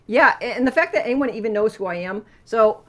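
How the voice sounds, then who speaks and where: A woman guest on a podcast, chatting casually and telling anecdotes in an animated way. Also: a little high, fairly quick.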